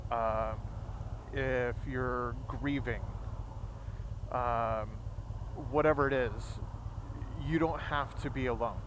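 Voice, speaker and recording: Male motovlogger, medium pitch, earnest and halting, heard from inside a helmet over clear engine and road noise. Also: fairly even intonation. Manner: halting, earnest, with long pauses. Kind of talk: candid personal monologue to viewers. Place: outdoors, riding a motorcycle. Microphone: close mic inside a motorcycle helmet.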